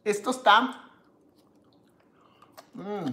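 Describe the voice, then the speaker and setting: A woman's voice: mid-range voice, very slow, a bit bright. Chatty woman tasting food in an echoey kitchen. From Mexico. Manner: chatty, savoring food with hums, greets viewers by name. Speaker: cooking show host. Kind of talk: live-stream cooking chat, tasting food.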